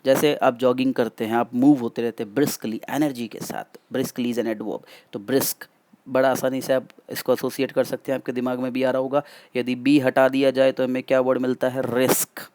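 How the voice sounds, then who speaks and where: Man, vocabulary teacher, exam-prep lesson, mixes Hindi and English, asks the class questions, medium pitch, dry close recording. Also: little pitch movement, normal speed, a little mellow, dry recording.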